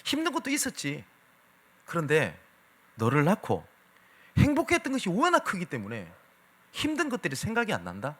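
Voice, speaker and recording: Tender, gruff middle-aged dad, soft-spoken, quoted by a male pastor. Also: high voice, wildly swooping pitch, moderate pace, long pauses, pitched above the performer's own voice, heavily acted.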